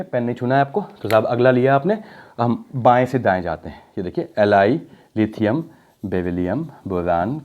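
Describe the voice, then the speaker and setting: A man teaching chemistry in a recorded lecture. He works through each step with questions to the class and mixes Hindi with English technical phrases, drawing out the key words. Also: mid-range voice. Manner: talks the class through steps with rhetorical questions. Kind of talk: explaining at a board in a recorded lecture. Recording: dull lo-fi audio.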